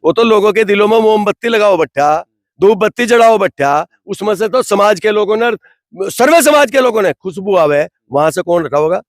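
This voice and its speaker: Brief: fired-up man, high voice, dry sound, rhetorical and indignant. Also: expressive, moderate pace, no room sound. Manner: rhetorical, indignant, repeats "bhai". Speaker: interviewee from the community. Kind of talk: impassioned street interview.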